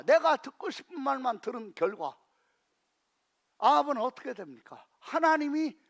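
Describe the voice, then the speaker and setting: Pastor guy preaching a sermon, high voice that jumps all over, quizzes the congregation, gets shouty. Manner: animated preaching, asking the congregation questions and rising to shouts. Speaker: senior pastor. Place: church sanctuary.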